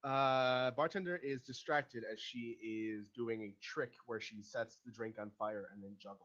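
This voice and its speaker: A man narrating as game master in a tabletop game, relaxed and full of fillers. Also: medium pitch, moderate pace. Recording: lo-fi mic.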